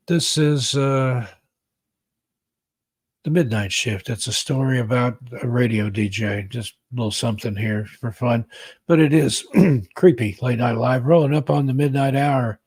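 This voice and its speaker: Rambling live-stream host, dry sound. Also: male voice, mid-range voice, fairly even intonation, unhurried, a little mellow, no room sound. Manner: rambling, frequent fillers and throat-clearing. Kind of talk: casual live-stream chat.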